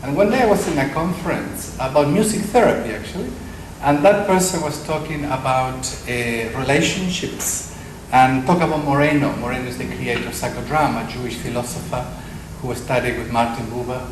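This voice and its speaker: A middle-aged man speaks at a conference, trading in wry, self-mocking stories. His voice carries through a roomy, echoing hall with a steady wash of background noise behind it. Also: medium pitch, brisk. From Argentina. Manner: anecdotal, self-deprecating humor. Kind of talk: conference talk.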